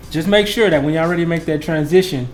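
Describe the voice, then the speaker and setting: A man hosting a casual interview, speaking in a slangy, conversational, buddy-like way. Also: fairly high pitch. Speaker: interviewer and host. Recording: roomy echo with music behind.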